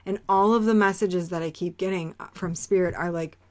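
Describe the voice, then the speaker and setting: A woman with a somewhat low voice hosts a podcast in a loose, rambling monologue. She speaks candidly and curses without holding back, circling her points with fillers and restarts. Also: fairly even intonation, moderate pace. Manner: candid, blunt, swears freely. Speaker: podcast host. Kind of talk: casual spiritual monologue.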